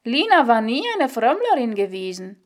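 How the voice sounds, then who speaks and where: A woman reading a literary story aloud in a measured, deliberate way. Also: a little high, big pitch swings.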